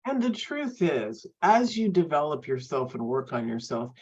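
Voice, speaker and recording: A woman's voice: low voice, sing-song, moderate pace, darkish tone, slightly rough. Woman on a glitchy cutting-out call mic. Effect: mic cutting in and out, dropping words. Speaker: life coach co-host. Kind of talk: casual live online talk. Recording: dull lo-fi web call audio.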